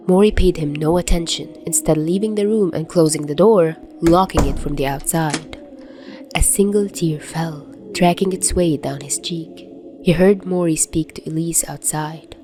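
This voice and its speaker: A woman reading a fan fiction story aloud in a soft, hushed way. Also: deep voice. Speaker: podfic reader.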